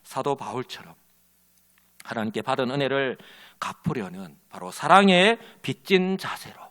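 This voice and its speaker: A man's voice: medium pitch, very animated, normal speed, a bit bright. A man preaching a sermon as pastor, telling a story and leading the congregation in call and response. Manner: tells an illustrative story with quoted characters.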